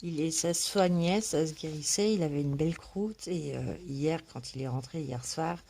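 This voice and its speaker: In a low, mellow voice at a moderate pace, a woman who just got up chats from home in a casual vlog about her coloring. She sounds hesitant and talkative, using many fillers, and a cat can be heard meowing.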